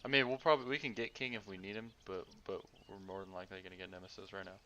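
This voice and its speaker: Low male, quick delivery, radio operator in military game chat, faint noise. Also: fairly even intonation, bright, forceful tone. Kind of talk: casual tactical voice chat.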